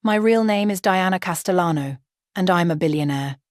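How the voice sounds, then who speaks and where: A woman voicing a calm, commanding middle-aged mother who speaks firmly and with authority. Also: on the low side, normal speed, no echo, studio quality, close to an everyday voice. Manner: firm, authoritative.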